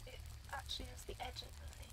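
A woman making quiet teasing remarks to a streamer during his game. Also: quick pace. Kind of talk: casual banter.

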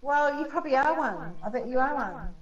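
A woman's voice: sits high, lively intonation, fairly quick, far from the mic, muffled recording, a crowd in the background. A mother arguing over game voice chat, indignant and scolding, trading insults with a stranger. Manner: indignant, scolding, name-calling.

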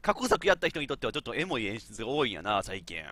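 A man's voice: medium pitch, rapid-fire, no room sound. A man with a giving chatty, laughing let's-play commentary as a game streamer. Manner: animated, chatty, laughs often, talks to himself.

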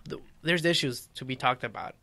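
A man of middle pitch hosts a casual podcast talk. He speaks earnestly and often affirms what his guest says. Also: brisk, bright, forceful tone. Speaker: podcast host. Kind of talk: casual discussion.

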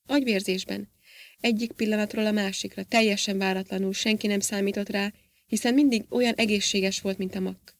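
A woman's voice: medium pitch, steady tone, lightly acted. A woman voicing a tender, anxious wife. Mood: sad. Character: overjoyed, anxious young wife.

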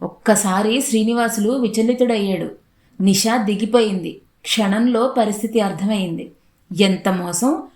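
A woman reading a literary short story aloud in a steady, unhurried narrating voice. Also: medium pitch, roomy sound.

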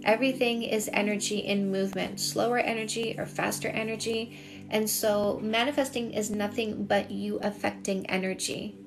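In a small indoor room lined with shelves, a middle-aged dating coach with a Canadian accent chats on a livestream, answering comments and repeating points for emphasis. Her gravelly, medium-pitched voice stays fairly even at a moderate pace; there's background music and the audio, from a phone held at arm's length, is poor.

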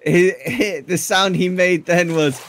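A man's voice: high-pitched, takes it slowly, a bit bright. A man chatting casually and teasing his friend during a co-op game, laughing often. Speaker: co-op gamer, guest. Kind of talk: casual gaming chat.

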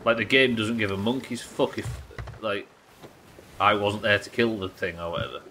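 The voice is low-ish and sharp, at normal speed, over a little hiss or hum. It belongs to a British man in his thirties streaming a game live from a small indoor room, swearing, wandering off topic and questioning himself as he chats with his audience.

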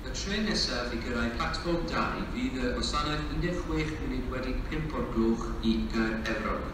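A man's voice: mid-range voice, normal speed. A Welsh man making formal, automated train platform announcements in clipped pre-recorded phrases. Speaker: station announcer. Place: railway station, over public address speakers. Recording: echoey, distant station PA with background noise. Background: station ambience.

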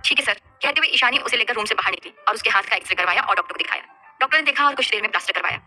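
A woman narrating a romance story in a lively, expressive scripted reading. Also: on the high side, very fast, faint music behind.

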